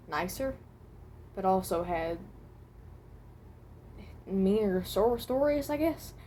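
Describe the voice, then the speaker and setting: In improvised character lines, a woman portrays a hesitant, gentle traveler from another dimension, speaking in halting bursts and often rewording herself. Her voice is on the low side and darkish, with slight background noise.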